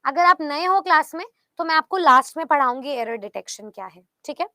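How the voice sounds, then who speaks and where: A woman's voice: high-pitched, lively intonation, a little fast, pushed and bright, no echo. A woman teaching English grammar in an online class, explaining step by step and praising students by name.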